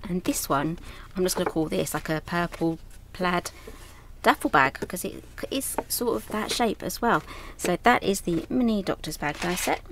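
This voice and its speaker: A woman's voice: fairly low pitch, moderate pace, fairly bright tone, a little hiss or hum. A woman from southern England, born in Yorkshire, casually showing off her new craft designs in a chatty, enthusiastic, rambling way. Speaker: craft designer presenting a product launch. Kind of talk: casual product showcase.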